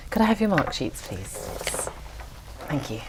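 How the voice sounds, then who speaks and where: A woman examiner reading scripted exam instructions in a formal, measured way. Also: sits low, sing-song, slight background noise.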